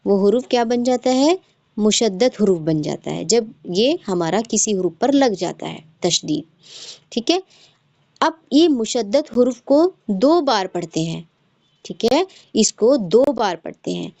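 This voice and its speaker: Slow, patient woman teaching recitation. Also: fairly high pitch, lively intonation, a little mellow, no room sound. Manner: patient, repeats rules and asks the class questions. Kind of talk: online tajweed lesson. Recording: dull lo-fi sound.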